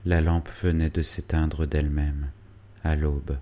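Un narrateur de livre audio à la voix très grave, qui lit d'un ton mesuré et solennel. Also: male voice, a bass voice, little pitch movement, measured pace, warm tone. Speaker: audiobook reader. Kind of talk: scripted narration of a novel.

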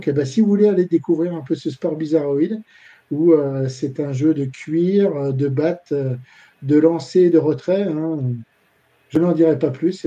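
A man's voice: fairly high pitch, mellow, slightly rough, lo-fi sound. A man co-hosting a casual football talk show, rambling with fillers and dry jokes. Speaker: football podcast co-host.

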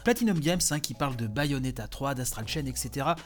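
A man's voice: mid-range voice, animated, fairly quick. A man hosting a gaming news podcast, talking casually with many small fillers. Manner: chatty, many "hein" and "euh" fillers.

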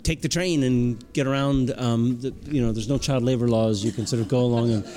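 A man's voice: mid-range voice, steady tone, normal speed, dark tone. A man from the United States answering interview questions, telling his story in a reflective way. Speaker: actor interview guest.

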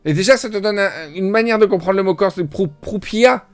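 A man hosting a podcast, chatting casually and telling an animated story, imitating how place names are pronounced. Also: sits high, fast, clear, resonant tone, faint music behind. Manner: animated storytelling, mimics pronunciations. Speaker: podcast host. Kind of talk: casual chat.

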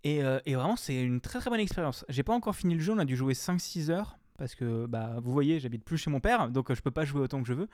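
A man's voice: mid-range voice, lively intonation, fast talker, hardly any pauses, a little mellow, no echo, studio quality. A young man reviewing a game in casual chat, rambling and slangy, with frequent swearing and filler words.

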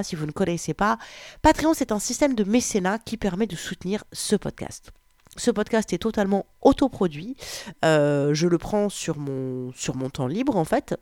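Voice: medium pitch, animated, moderate pace, warm tone, no room sound, clean studio sound. A podcast host chatting casually to listeners after a reading, with many fillers and restarts. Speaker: erotic podcast host and reader.

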